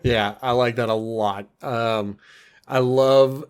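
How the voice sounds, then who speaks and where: Male podcast co-host, slow and deliberate delivery, animated with sudden high jumps in pitch when excited, laughs easily. Casual film discussion. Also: clean tone.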